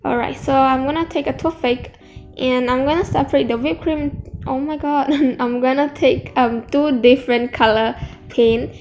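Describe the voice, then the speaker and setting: A high-voiced woman talks through a hands-on craft tutorial with braces on her teeth. She is casual and hesitant, often correcting herself, and music plays behind her. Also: fairly even intonation, a little mellow. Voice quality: speech slightly affected by new dental braces. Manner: halting, self-correcting, hesitant.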